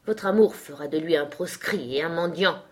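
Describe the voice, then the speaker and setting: A woman's voice: low-pitched, normal speed, natural voice. A woman reading an audiobook, voicing a domineering middle-aged man who barks harsh threats and commands. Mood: menacing.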